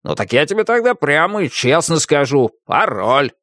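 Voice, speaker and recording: A fussy, bearded old house spirit, voiced by a male reader, scolds and grumbles with a lively, rising and falling voice. He sounds reproachful and old-fashioned. The recording is close and dry. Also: a little high, moderate pace, dry recording. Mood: grumbling. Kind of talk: audiobook character voice.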